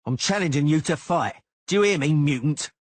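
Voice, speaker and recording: A man voicing a brash, hotheaded young male duelist who jeers and shouts his challenges, with a husky voice. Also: medium pitch, very animated, moderate pace, no room sound, voice pushed up. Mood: shouting. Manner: loud, jeering, shouting challenges.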